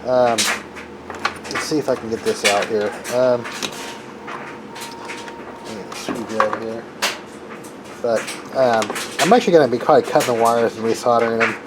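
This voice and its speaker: This man has a medium pitch and a moderate pace, pausing often as he thinks aloud while tinkering. He's a hobbyist filming a laid-back, hands-on look at car radio gear, with vehicle and ambient noise clearly present.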